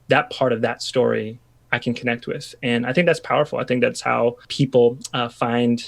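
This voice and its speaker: A man in his thirties from Washington state talks as a podcast guest, his voice gravelly with a narrow, level pitch. He muses aloud, circling back and restarting his thoughts. He sounds like a pastor in casual conversation. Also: level tone, normal speed. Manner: chatty, reflective, full of restarts and fillers.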